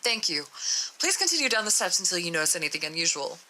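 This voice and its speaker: A woman's voice: on the low side, sing-song, fast, bright, forceful tone, exaggerated voice, poor audio. A woman voicing a formal interviewer who gives short, polite orders in a horror story reading. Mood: curt. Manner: curt, formal instructions.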